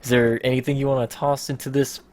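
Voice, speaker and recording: Rambling, swearing podcast host. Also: male voice, mid-range voice, level tone, quick pace. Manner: rambling, swears, laughs often. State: out of breath. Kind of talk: casual podcast chat.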